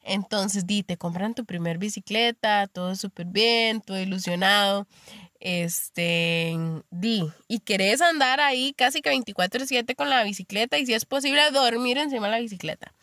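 A woman's voice: mid-range voice, moderate pace, sharp tone, no echo, clean studio sound. A young woman with a Costa Rican accent, hosting a podcast and telling stories in a chatty, filler-heavy monologue. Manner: chatty storytelling with frequent fillers. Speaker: podcast host. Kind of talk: casual monologue.

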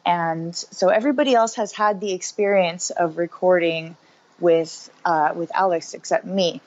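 A woman's voice: lowish voice, fairly even intonation, moderate pace. Chatty, upbeat woman in her thirties, lo-fi. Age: 30s. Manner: upbeat, chatty, many fillers. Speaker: guest musician. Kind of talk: casual interview chat.

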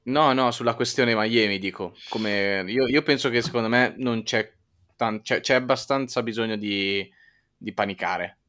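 A man's voice: medium pitch, moderate pace, bright, forceful tone. A man debating casually as a sports podcast panelist.

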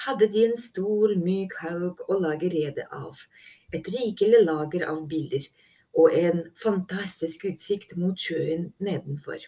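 A woman's voice: lowish voice, dark tone. Woman narrating a fantasy audiobook. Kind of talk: scripted narration.

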